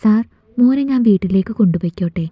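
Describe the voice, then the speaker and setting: A woman's voice: mid-range voice, fast, dry recording, lo-fi sound, lightly acted. A woman voicing tender shy young woman. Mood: hesitant.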